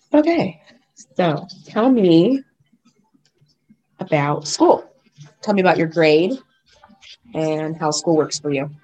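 A woman podcast host who has lost her voice, talking in a hoarse, raspy, whispery way as she casually interviews children. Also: low voice, darkish tone, poor audio.

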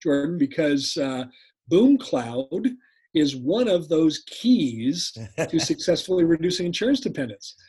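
A man in his sixties speaking conversationally as an interview guest and coach, deliberate and repeating key points. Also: fairly high pitch, sing-song, a little mellow, slightly rough. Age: 60s. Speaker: podcast guest, dental practice coach.

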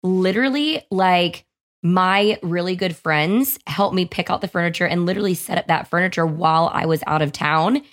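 A young woman hosting her own podcast in a hoarse voice, chatting casually and upbeat, often saying "like". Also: fairly low pitch, moderate pace. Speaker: podcast host.

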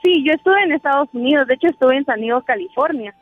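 Soft-spoken woman caller on a tinny phone. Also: high voice, lively intonation, quick pace. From Mexico. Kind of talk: phone-in conversation. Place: on a bus. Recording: tinny phone line with music.

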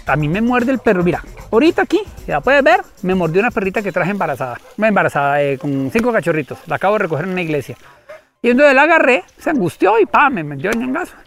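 A man, an animal rescuer interviewed as a guest, telling stories expressively and acting out the voices and shouts. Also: sits high. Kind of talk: animated storytelling.

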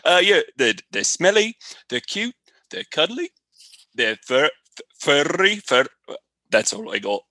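A man voicing a gruff male ogre who fumbles for words in a party impression game. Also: on the high side, sing-song, pushed and bright, no room sound, clean studio sound, exaggerated voice. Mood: fumbling. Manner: halting, fumbling, laughing at himself.

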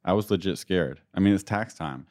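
A man with a low, unhurried voice, getting over being sick, chatting casually about technical work as a co-host. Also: a little mellow. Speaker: podcast co-host. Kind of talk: casual tech chat.

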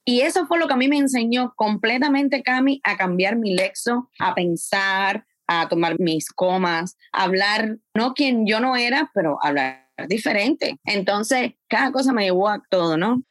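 A woman guest on a podcast, telling her story in a lively, conversational way. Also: mid-range voice, unhurried, few pauses, no echo. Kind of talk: casual conversation.

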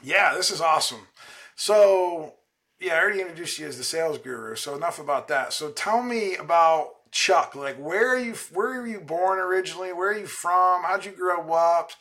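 A man's voice: on the high side, normal speed, bright, forceful tone. A man in his thirties from Ohio hosting a podcast, talking eagerly and casually with lots of fillers. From Ohio, USA. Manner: enthusiastic, chatty, many fillers. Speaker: podcast host. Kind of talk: casual interview chat.

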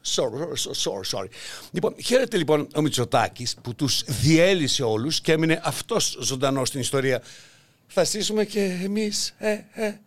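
An older man rattles through a satirical political monologue in a mocking, theatrical way. His voice sits fairly high for a man, and he breaks into acted-out voices and sudden shouts. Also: lively intonation. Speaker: podcast host.

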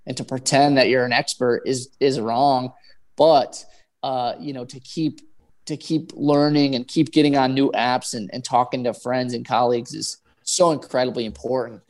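A man chatting casually and without a script, talking in a halting, rambling way like a guest chef telling stories. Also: mid-range voice. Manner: halting, rambling, animated storytelling with acted-out quotes. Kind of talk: casual chat, natural unscripted talk.

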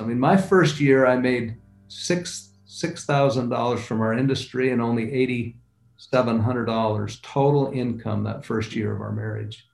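A man's voice: medium pitch, gravelly, a little mellow. An older man, a guest, earnestly recounting his early struggles in business. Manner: earnest, unhurried recollection. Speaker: guest entrepreneur. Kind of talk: personal storytelling. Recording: roomy echo.

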